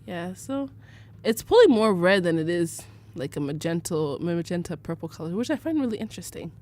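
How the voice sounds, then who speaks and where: Her lowish voice is expressive, a little mellow, and fairly quick. A young Arizona woman from the United States, she teaches photo editing on a livestream in a casual, chatty way, laughing often and using lots of fillers.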